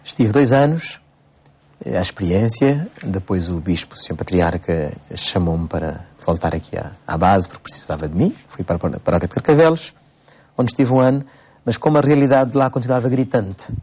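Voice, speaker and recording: A Cape Verdean priest in his forties answering interview questions at an unhurried pace, with frequent hesitations and restarts. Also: lowish voice, a little mellow, breathy edge. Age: 40s. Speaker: priest, bishop-elect.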